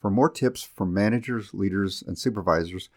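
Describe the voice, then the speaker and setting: Deep-voiced man narrating a scripted story. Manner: measured storytelling. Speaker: podcast host.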